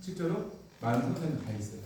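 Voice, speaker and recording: A man teaching a church Bible class, telling the story with lively energy and asking the class questions. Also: on the high side, very fast, a little hiss or hum. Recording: echoey room from far off.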